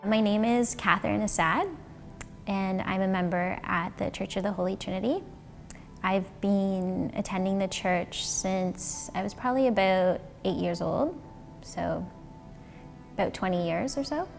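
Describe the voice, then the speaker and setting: A woman in her late twenties speaks plainly in an interview, with a gravelly, creaky edge to her voice. A long reverb trails her words, and faint music plays beneath. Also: medium pitch, a little slow. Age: late 20s. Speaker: church member. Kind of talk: documentary interview.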